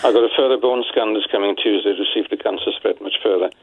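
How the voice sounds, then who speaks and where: A man's voice: on the low side, fast, slightly rough, no echo. A man in his seventies calling a radio phone-in, speaking in a hesitant, apologetic way. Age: 70s. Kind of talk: serious phone conversation. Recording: muffled telephone line.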